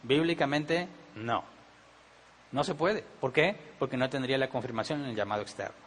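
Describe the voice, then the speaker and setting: A man's voice: medium pitch, normal speed, a bit bright, a little hiss or hum. A man with a Monterrey Mexican accent, a pastor teaching a Bible study in a conversational way, asking rhetorical questions. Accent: Monterrey Mexican Spanish.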